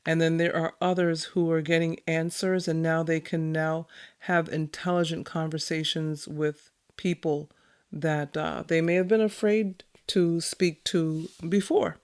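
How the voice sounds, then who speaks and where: Excited chatty woman podcast host. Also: low voice, a little slow, clean tone. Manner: excited, chatty, laughs often; many fillers, reads from notes. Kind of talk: solo podcast monologue.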